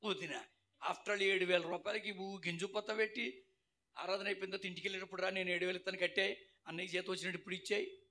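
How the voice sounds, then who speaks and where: A man voicing a pleading middle-aged woman at church, coaxing and rushed. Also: high-pitched, steady tone, bright, forceful tone.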